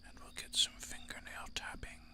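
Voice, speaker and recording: An ASMR creator whispering softly into a close mic, chatting in relaxed asides. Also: moderate pace.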